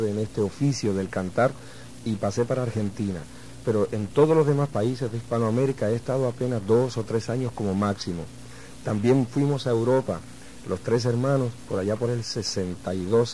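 A man from Uruguay, a guest musician answering interview questions in a reflective, measured way. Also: medium pitch, dark tone, a little hiss or hum, rough recording.

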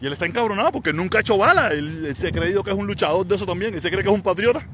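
A man's voice: sits high, animated, rapid-fire, fairly bright tone. A middle-aged man with a Cuban accent, boastful and rambling as he talks back to viewer comments on a live stream, recorded outdoors near an airport. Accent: Cuban Spanish. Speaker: livestream host reading viewer comments. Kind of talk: casual live-stream monologue. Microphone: phone with headphones on. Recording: outdoor traffic and plane noise.

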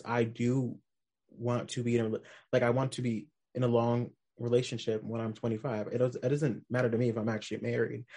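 A man's voice: mid-range voice, dark tone. Young male podcast guest, plain mid voice, casual, stacks rhetorical questions.

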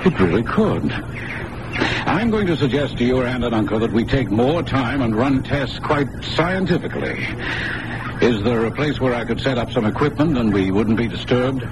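An actor as an eager, animated professor. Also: male voice, medium pitch, normal speed, close to an everyday voice. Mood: excited, intent. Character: eager male university professor investigating the paranormal. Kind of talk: radio drama acting. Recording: noisy old radio broadcast.

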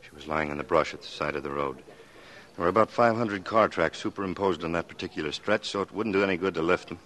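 A weary police detective in a vintage radio drama. His voice is very deep, and he speaks in a plain, matter-of-fact way. He reports the case evenly. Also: fast, a bit bright. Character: Brub, tired police detective husband. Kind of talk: 1940s radio acting.

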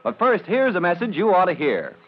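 A man's voice: sits high, huge pitch swings, brisk. A man narrating and announcing an old-time radio serial in a formal, dramatic, scripted manner. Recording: muffled old radio recording.

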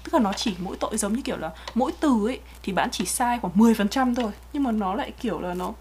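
A woman's voice: on the high side, quick pace, darkish tone, a little hiss or hum. A woman chatting casually as co-host, explaining pronunciation mistakes with everyday examples.

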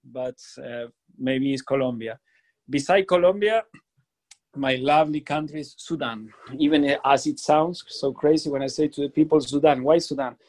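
A man from Argentina with an Argentine Spanish accent, a chef answering interview questions in a hesitant, halting way with many fillers. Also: a little high, darkish tone. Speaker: chef, guest.

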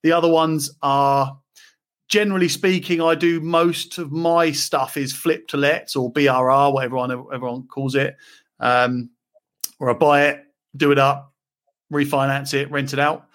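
A man's voice: fairly high pitch, steady tone, moderate pace, fairly bright tone. A man from the UK talking casually as a property investor guest, chatty with frequent fillers and restarts. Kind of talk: casual interview chat.

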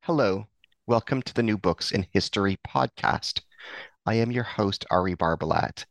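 A man hosting a history podcast, introducing his guest in a formal, measured, deliberate way. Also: fairly low pitch, creaky, fairly bright tone, no room sound. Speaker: podcast host.

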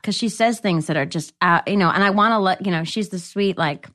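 A woman in casual podcast chat, laughing often and acting out scenes in quick little impressions. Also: mid-range voice, a bit bright. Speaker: podcast co-host.

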